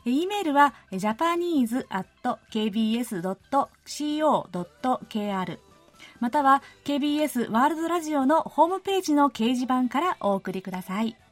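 A woman's voice: sits high, lively intonation, fast, faint music behind. A woman hosting a radio show, chatting in a friendly, easygoing way and reading listener letters in a studio. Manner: friendly, chatty, uses many fillers. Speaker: radio host.

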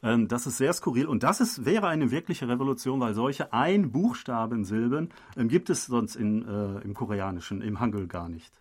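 A man co-hosting a radio talk program, speaking at a medium pitch in a loose conversational way. He stops often on drawn-out filler sounds while he searches for the next word. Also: expressive, a little mellow. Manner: hesitant, many filler sounds. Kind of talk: conversational explaining.

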